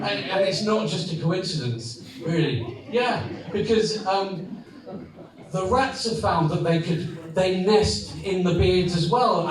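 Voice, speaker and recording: Slow, rambling comedian. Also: male voice, sits high. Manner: rambling, halting, deadpan asides to the audience. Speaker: stand-up comedian. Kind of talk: live stand-up comedy. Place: comedy venue. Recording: echoey live room, far mic, audience. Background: audience.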